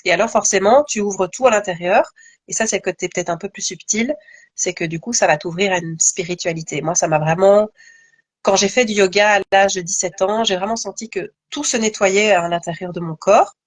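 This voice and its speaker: A woman speaking as a guest in a relaxed live conversation, thoughtful and searching, with frequent fillers and self-corrections. Her mid-range voice sits in a dry, close sound with no room around it. She keeps returning to her point and rephrases as she goes. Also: medium pitch, a little fast, no room sound. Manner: thoughtful, many fillers and restarts. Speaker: guest, yoga teacher.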